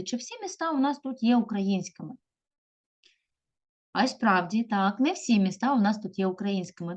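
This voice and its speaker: A primary school teacher, a woman with a mid-range voice, teaches young pupils in a lo-fi video lesson. She draws her words out slowly with stress and warmly calls the pupils "children."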